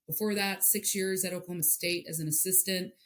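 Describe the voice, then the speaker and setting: Low-voiced earnest woman coach. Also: fairly even intonation, a little fast, fairly bright tone. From Hawaii. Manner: earnest, repeats words while searching for them. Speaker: softball head coach. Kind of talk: interview guest.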